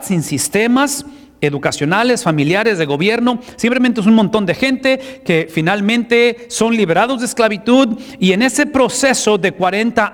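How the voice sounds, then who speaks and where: A man's voice: high voice, long reverb tail. A male pastor preaching a sermon in Spanish, emphatic and asking the congregation rhetorical questions.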